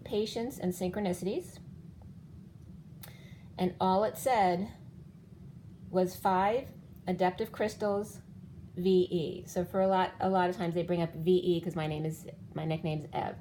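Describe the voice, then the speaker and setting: With a lowish, dark voice, a tarot reader in her fifties rambles through a spiritual reading one card at a time. Her voice is going and keeps giving out, and there's slight background noise.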